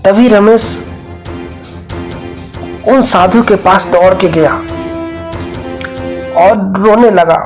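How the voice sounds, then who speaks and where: A man tells a cartoon horror story in a plain storyteller's manner, repeating himself as he goes. He talks slowly in a slightly high voice. Faint music runs underneath. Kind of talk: amateur cartoon horror narration.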